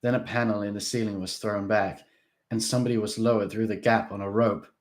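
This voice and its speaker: Low-voiced male audiobook reader. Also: steady tone, brisk. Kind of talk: first-person fiction narration.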